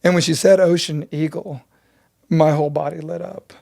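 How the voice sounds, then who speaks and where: A man's voice: fairly high pitch, fairly even intonation, normal speed, creaky, darkish tone. A man in his fifties, a breathwork teacher telling his story with earnest intensity in an interview.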